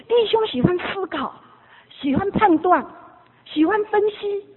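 A woman preaching a sermon, swinging between loud exhortation and hushed tones, telling stories with quoted dialogue. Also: very high voice, lively intonation, measured pace. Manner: storytelling with quoted dialogue and small laughs. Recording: tinny phone-like sound.

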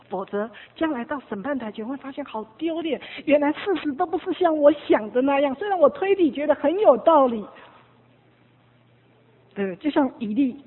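A woman preaching a sermon, swinging between loud exhortation and hushed tones, telling stories with quoted dialogue. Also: high voice, lively intonation, normal speed, slight background noise. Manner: storytelling with quoted dialogue and small laughs. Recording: tinny phone-like sound.

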